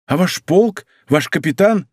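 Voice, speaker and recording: A male audiobook reader voicing a tender, fearful young woman in a hushed, worried tone. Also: high voice, lively intonation, measured pace, breathy edge, no echo, clean studio sound, voice pushed up, exaggerated voice. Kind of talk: audiobook character reading.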